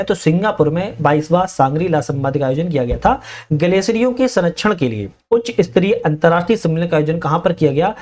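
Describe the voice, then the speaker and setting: A man teaching a current-affairs quiz lesson for exam preparation. He reads each question aloud, answers it at a measured pace, and corrects his own slips mid-sentence. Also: high voice, darkish tone.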